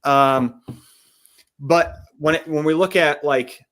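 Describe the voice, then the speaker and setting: A man's voice: fairly high pitch, a bit bright. An American man in a casual chat, speaking thoughtfully with many fillers. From United States. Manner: slow, thoughtful, hesitant with fillers.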